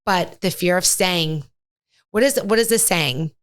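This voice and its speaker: A woman's voice: fairly low pitch, unhurried, clear, resonant tone, no room sound. A middle-aged woman telling her own story as a podcast guest, candid and earnest. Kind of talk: casual interview chat.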